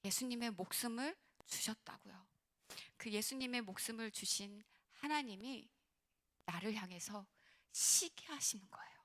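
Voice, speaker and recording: A woman pastor preaching a sermon to young adults, asking them direct questions and swinging from soft near-whispers to loud, fervent passages. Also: fairly high pitch, normal speed. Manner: talks directly to listeners, asks questions.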